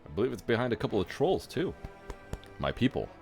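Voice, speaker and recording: A man's voice: medium pitch, very animated, quick pace, gravelly. A man streaming a fantasy game, reading dialogue aloud and muttering casual asides. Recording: soft background music.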